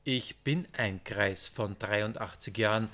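A man's voice: on the low side, takes it slowly, pushed and bright. A man voicing a grumpy, dry 83-year-old man while reading his book aloud. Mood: dry grumbling. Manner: dry, curt replies.

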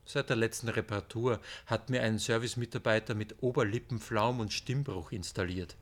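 A man's voice: lowish voice, steady tone, a little fast, close to an everyday voice. A man voicing a grumpy, dry 83-year-old man while reading his book aloud. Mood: dry grumbling. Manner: dry, curt replies.

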